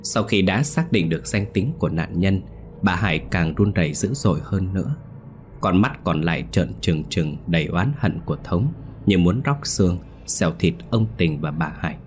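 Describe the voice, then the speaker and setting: A man narrating a horror story in a steady, dramatic storytelling voice. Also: deep voice, normal speed, slight background noise. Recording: soft music bed.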